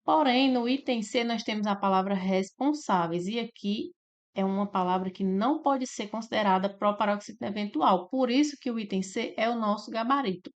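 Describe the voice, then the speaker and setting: A woman with a Brazilian Portuguese accent and a medium-pitched voice gives an exam-prep grammar lesson from slides, heard in a muffled recording. She lays things out step by step, drawing out syllables and checking in with "né?" and "tá?".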